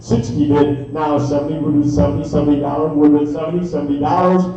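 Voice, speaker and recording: A man working as an auctioneer, calling bids live in a rapid, repetitive chant with filler phrases. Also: on the high side, fairly even intonation, mellow. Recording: echoey distant dull room sound, faint music.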